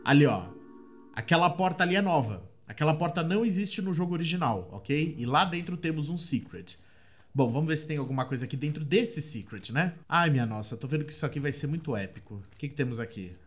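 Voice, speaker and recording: A man with a Brazilian Portuguese accent doing let's play commentary, chatty and excitable, often breaking into shrieks of surprise. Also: on the high side, brisk, faint music behind. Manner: chatty, addresses viewers often. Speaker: gameplay commentator.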